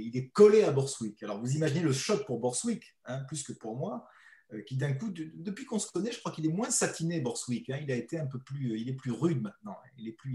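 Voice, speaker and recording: A man with a southern French accent, a co-author teasing his partner while presenting a book at a public talk. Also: medium pitch. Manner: teasing, animated storyteller. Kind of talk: playful talk at a book event. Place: talk venue with audience. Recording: roomy echo.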